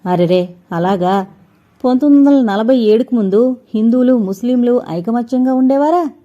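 A woman's voice: fairly high pitch, moderate pace, close to an everyday voice. Woman doing a male hypnotist doctor, commanding, ringing voice, audiobook drama, dull lo-fi audio. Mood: probing. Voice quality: ringing, forceful voice. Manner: questioning, instructing.

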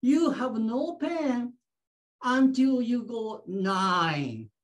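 High-voiced woman teaching very slowly. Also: expressive. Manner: short phrases, acts out patients. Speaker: shiatsu teacher. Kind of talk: teaching through an interpreter.

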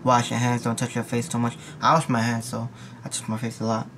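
A man's voice: medium pitch, completely flat delivery, fairly quick, fairly bright tone, slight background noise. A young man and nursing student giving a casual, rambling exam review, full of slang and repeated asides. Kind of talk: casual study review vlog.

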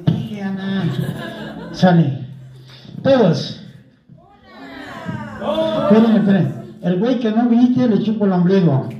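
A man's voice: high-pitched, lively intonation, takes it slowly, long pauses, highs cut off. A middle-aged man with a Mexican accent doing a party clown's teasing, crude comedy patter with the audience, heard over a distant PA. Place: covered patio party at night. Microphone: handheld mic through speaker, filmed from afar. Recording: echoey PA, distant phone, crowd noise. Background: party crowd.

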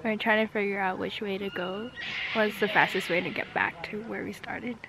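A woman in her twenties, vlogging with a camera at arm's length on a walk and at a train station, chatty and excitable. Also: medium pitch, moderate pace, creaky, noisy background. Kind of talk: casual chat. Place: forest trail outdoors, then a train station. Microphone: handheld camera at arm's length.

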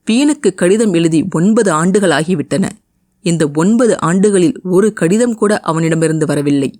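A woman narrating a romance audio novel with an expressive, emotive reading. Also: fairly low pitch, moderate pace, dry recording, clean studio sound. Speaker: storyteller.

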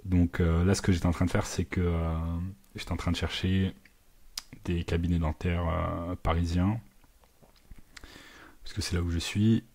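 A man with a deep, steady voice talks through his own work as it happens. His pitch barely moves, and he fills the gaps with hesitations and small sound words, easily mixing English terms into the flow. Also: moderate pace, long pauses. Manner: thinks aloud with many fillers and sound words; mixes English business words into French. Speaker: digital marketing agency owner. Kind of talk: live screen walkthrough, casual.

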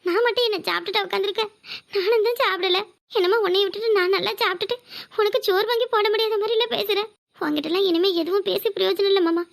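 A woman's voice: very high-pitched, fast, creaky. A woman with a Tirunelveli Tamil accent voicing a hurt young wife who reproaches and pleads with her husband in a cartoon. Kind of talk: cartoon voice acting.

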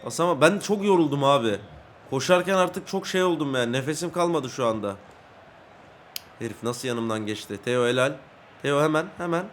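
A man giving excitable live commentary on his own football video game, shouting at teammates and taunting in a singsong voice. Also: medium pitch, a little fast, slight background noise. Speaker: gaming YouTuber.

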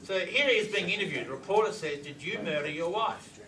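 A man's voice: sits high, expressive, brisk, crowd noise. Man lecturing in an echoey hall. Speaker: lecturer on reverse speech. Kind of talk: live seminar talk to an audience. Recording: roomy hall mic from far off, audience around.

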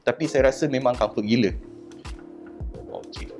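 A man's voice: medium pitch, normal speed, darkish tone, faint music behind. A Malaysian man talking through a cloth mask, chatty and casual, reviewing a product for his vlog and mixing English into his speech.

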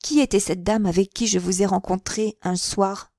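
A woman's voice: mid-range voice, fairly even intonation, moderate pace, warm tone, no room sound, studio quality, close to an everyday voice. A woman voicing a lonely young working-class woman who speaks impatiently and familiarly. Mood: abrupt.

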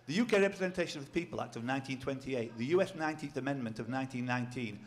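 A man's voice: medium pitch, racing. A man hosting a pub quiz, reading questions aloud with dry, teasing asides. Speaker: quizmaster. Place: pub function room.

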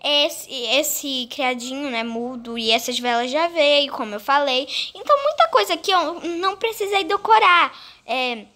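A woman giving a chatty, excitable tour of her game house, often calling her viewers "gente". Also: high-pitched, moderate pace. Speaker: gaming vlogger. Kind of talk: casual game tour narration.

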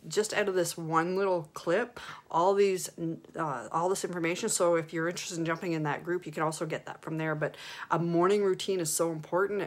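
A middle-aged woman hosting a casual live stream from her phone, excited and upbeat, rambling with fillers. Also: lowish voice. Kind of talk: casual Facebook live chat.

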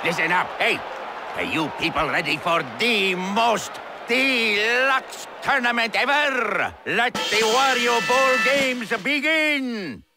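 Wario, a brash greedy schemer. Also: male voice, very high-pitched, expressive, takes it slowly, full character voice. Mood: showman. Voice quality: gravelly, brash, cackling. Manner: loud, scheming, mocking. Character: greedy boastful male Wario, stocky schemer. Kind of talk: video game cutscene voice acting. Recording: game audio with loud music behind.

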